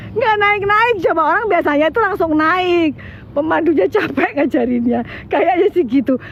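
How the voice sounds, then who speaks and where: A woman's voice: sits high, highs cut off, a little hiss or hum. A woman vlogging outdoors, teasing and laughing hard while she comments on a friend. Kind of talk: casual commentary while filming.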